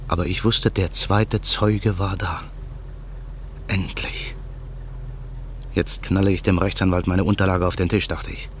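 A man narrates and also plays Daniel, a bitter man bent on revenge, in an earnest, brooding radio play voice. His voice sits low, with a little hiss or hum.

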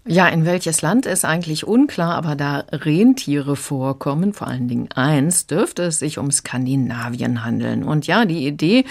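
A woman on radio calmly retelling the plot of a children's book in a chatty way. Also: deep voice, moderate pace, few pauses. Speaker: book critic.

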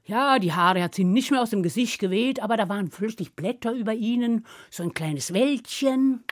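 Lively woman telling a children's fairy tale. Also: a little high, normal speed. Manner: lively, playful, acts out voices and duck sounds. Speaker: storyteller.

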